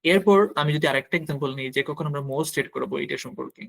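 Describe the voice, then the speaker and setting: A man with a Bangladeshi Bengali accent teaching an online grammar lesson, explaining step by step, asking questions and answering them himself, pausing as he writes. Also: a little high, gravelly, a bit bright. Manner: writes on a board while talking, with pauses and restarts.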